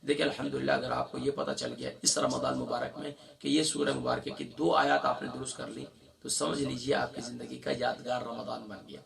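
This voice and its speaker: A man teaching a Quran recitation lesson in a strongly gravelly, bright voice, a bit higher than most men. He has a sore throat and slowly stretches out each syllable as he recites, then explains quickly. He sounds a little distant from the mic. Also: lively intonation.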